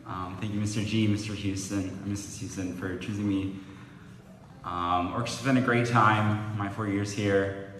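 A man's voice: lowish voice, fairly even intonation, moderate pace, fairly bright tone. A teenage male student giving a hesitant short acceptance speech, full of ums, in a large school theatre. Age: teens. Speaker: student award recipient. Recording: echoey hall with noise.

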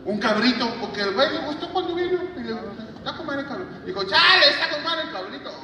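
A Mexican man doing stand-up comedy, telling crude jokes deadpan and landing them with a catchphrase. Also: extremely high pitch, fast, heavy background noise. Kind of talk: stand-up joke telling on stage. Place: large auditorium. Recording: echoey hall audio from far off, loud crowd.

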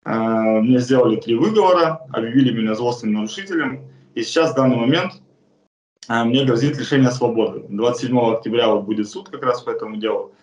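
Talking fast in a medium-pitched, darkish voice, a man in his thirties tells his own case directly to a nearby camera in a bare room indoors. He is plain and earnest but hesitates often. The lo-fi audio has an echoey room sound.

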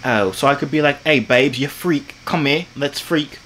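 In a small bedroom, a young man on a video call chats in a playful prank, faking a British accent over his American one and breaking into loud, high exclamations. He talks at normal speed, with slight background noise.

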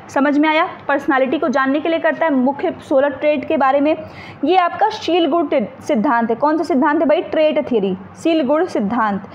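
A high-voiced teacher goes through exam questions one by one, explaining step by step and frequently posing questions she then answers herself. She reads the English question text slowly and carefully, and the recording sounds dull and muffled with a faint hiss underneath.

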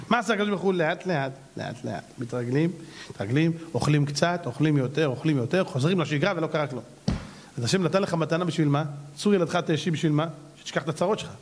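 A man, a rabbi, preaching a sermon as a lively storyteller who acts out the characters. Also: a little high.

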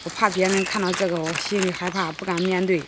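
A woman's voice: on the low side, little pitch movement, fast. Earnest young woman from Henan, noisy outdoors. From Henan, China. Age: late 20s. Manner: earnest, soft-spoken, repeats words for emphasis. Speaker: documentary subject. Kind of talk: reflective personal interview. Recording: noisy outdoor field recording.

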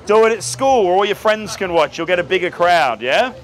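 At a night street market, a man in his thirties from Australia plays the theatrical street magician, joking loudly to the gathered crowd. His high voice has lively intonation and a fairly quick pace. The rough outdoor camera audio includes crowd sounds and music.

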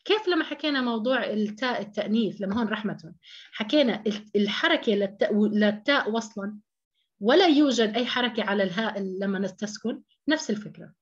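A woman's voice: mid-range voice, expressive, fast talker, dull audio. A woman teaching an online tajweed lesson, explaining step by step, repeating key terms and asking rhetorical questions. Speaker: Quran recitation teacher.

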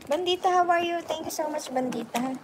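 High-pitched and brisk, her voice sits over background noise as she livestreams from a phone held at arm's length. The host, a woman in her sixties in an indoor room with a sofa, chats casually and sleepily, mixing languages, answering comments, and thanking viewers repeatedly.

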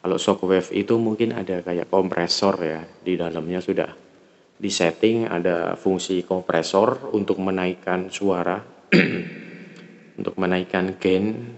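A man's voice: low-pitched, fairly even intonation, measured pace, highs cut off. A man with an Indonesian accent giving a casual hands-on gear demonstration, informal and searching for his words. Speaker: product reviewer.

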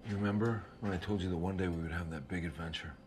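An actor playing a father who coaxes his family quickly toward a big adventure. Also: deep voice, fairly even intonation, darkish tone, close to an everyday voice. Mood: coaxing.

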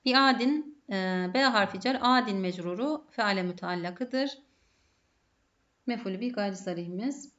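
A woman's voice: mid-range voice, moderate pace, fairly bright tone, dull audio. A woman with a Turkish accent teaching Arabic grammar step by step, asking herself questions and answering them. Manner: methodical, poses and answers her own questions. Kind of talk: grammar lesson.

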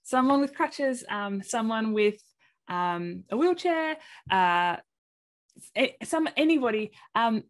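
An Australian woman presents an inclusion-themed webinar over a webcam video call, animated and voicing quoted reactions in different voices. Her voice is a little high and she takes her time.

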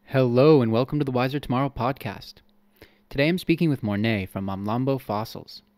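A young man with a medium-pitched, slightly mellow voice talks a little fast as he hosts a podcast from a home room. Using a boom-arm studio mic, he reads his intro and asks questions in a polite, self-deprecating, somewhat hesitant way.

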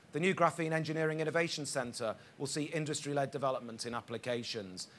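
A man's voice: mid-range voice, fairly bright tone. A man presents at a conference, stumbling over a word now and then and filling gaps with fillers. His voice sits in a middle register. Faint hall noise hums underneath. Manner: halting starts with fillers and stumbles. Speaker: conference speaker.

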